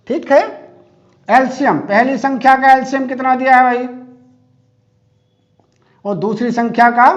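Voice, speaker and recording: A man teaching a maths class, talking straight to his pupils with repeated rhetorical questions. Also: very high voice. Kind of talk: classroom lesson. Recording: dull lo-fi sound.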